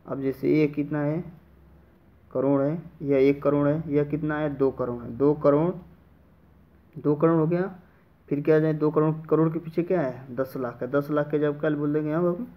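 A man teaching children how to read large numbers, asking questions and answering them himself. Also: fairly high pitch. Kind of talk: classroom math lesson for children. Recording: dull lo-fi audio.

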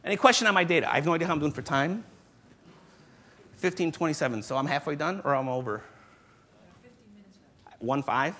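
A man presenting a live programming lecture to a room of developers, brisk and joking, thinking aloud as he demos code. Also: on the high side, a bit bright. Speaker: conference presenter teaching developers. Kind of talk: live technical lecture with demo. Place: conference room with live audience.

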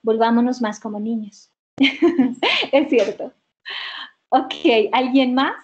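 Lady voice coach on a call, a bit high, dull audio, keeps repeating stuff for emphasis. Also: animated, slow. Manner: warm, emphatic, repeats key words for stress. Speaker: dubbing workshop instructor. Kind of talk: online workshop Q&A, teaching. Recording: muffled video call audio.

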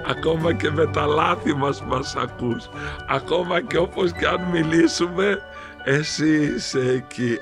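A priest telling a parable in an animated, heartfelt sermon. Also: male voice, on the high side, gravelly. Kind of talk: storytelling sermon. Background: music.

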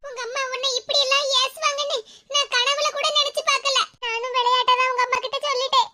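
A woman's voice: very high voice, flat delivery, quick pace, sharp tone, heavily acted. A woman voicing an apologetic young girl, the friend of a college student, who speaks with a Kanyakumari Tamil accent in a soothing way. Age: young adult. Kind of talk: animated cartoon dialogue.

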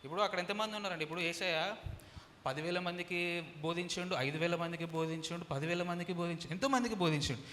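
A man preaching a sermon as a pastor, speaking loudly and forcefully with shouted peaks in a church hall. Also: high voice, quick pace, slight background noise.

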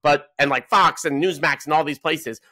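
A man's voice: fairly high pitch, normal speed, bright, forceful tone, no room sound. A man in his thirties hosting a casual interview over a video call, upbeat and prone to repeating himself. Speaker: host. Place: indoor room, video call. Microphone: webcam on video call.

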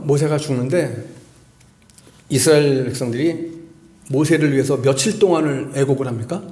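A man's voice: mid-range voice, a little mellow, echoey room. A male pastor preaching a sermon, asking the congregation questions and repeating phrases for emphasis.

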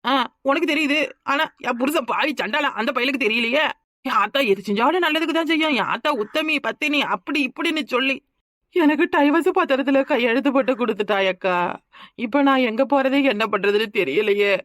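A quarrelsome young village wife in a cartoon, played by a woman, pouring out her grievances. She talks high and quick in a stream of complaint. The recording is close and dry. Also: a bit bright, no room sound. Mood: lamenting. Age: young adult. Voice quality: rapid, complaining talk. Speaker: cartoon character. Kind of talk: cartoon voice acting.

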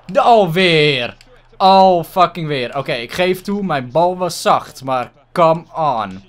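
A man with a Dutch accent giving casual gameplay commentary, excitable and swearing a lot, dropping English exclamations into his talk. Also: fairly high pitch. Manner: excitable, frequent swearing and frustrated outbursts. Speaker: gaming YouTuber.

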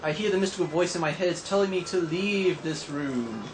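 A man's voice: a little high, moderate pace, echoey room, over music. A man giving casual gameplay commentary while playing, recorded indoors by a camera filming the TV. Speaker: gamer recording a playthrough. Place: indoors, in front of a television. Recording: noisy room, camera filming TV.

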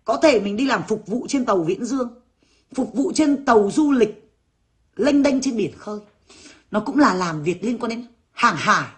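A woman's voice: on the high side, lively intonation, normal speed, long pauses. A woman in her thirties from Vietnam, ranting bluntly to her viewers and swearing freely. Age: 30s. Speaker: vlogger.

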